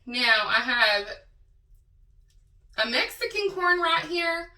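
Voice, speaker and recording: A high-pitched, bright-toned woman with a West Texas drawl, chatting slowly and drawing out her words as she talks to viewers. The recording sits in an echoey room, a little away from the mic. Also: sing-song, recorded from a distance. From Texas Panhandle. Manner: chatty, drawn-out words, says y'all. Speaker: mukbang vlogger. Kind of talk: casual eating vlog chat.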